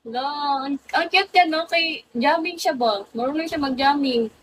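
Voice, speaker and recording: A giggly young woman hosts a casual live-stream chat, mixing English and Filipino. Her high voice moves at a moderate pace over some background noise.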